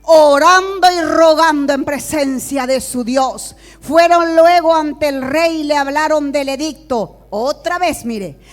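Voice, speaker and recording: A woman's voice: high voice, slow, few pauses. A woman prophet leading a Sunday school sermon, reading scripture aloud and preaching with rising fervor and firm declarations.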